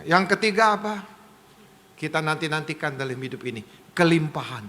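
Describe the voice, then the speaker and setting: A man's voice: fairly high pitch, expressive, fairly quick, background noise. A man preaching a sermon to a congregation with emphatic calls for amens and applause, recorded in a church. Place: large church hall. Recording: church hall reverb.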